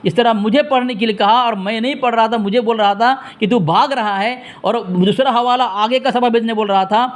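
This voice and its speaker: High-voiced man scolding in a phone debate. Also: hardly any pauses. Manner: insistent, scolding, repeats demands; turns aside to address the audience. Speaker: debate host on a phone call.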